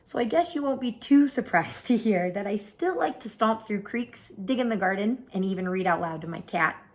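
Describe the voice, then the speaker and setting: Using a mid-range voice at normal speed, a woman acts as an expressive storyteller while reading a children's picture book out loud.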